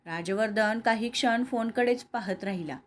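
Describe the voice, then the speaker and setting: A woman with a slightly high voice reads at a moderate pace from a scripted romantic serial, handling both narration and dialogue and voicing each character herself.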